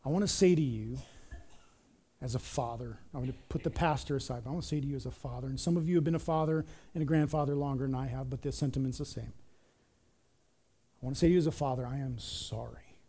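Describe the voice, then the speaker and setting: A middle-aged man preaching a sermon as pastor, telling stories in an animated way and often repeating words. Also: mid-range voice, quick pace. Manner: animated storytelling, repeats words, acts out quotes.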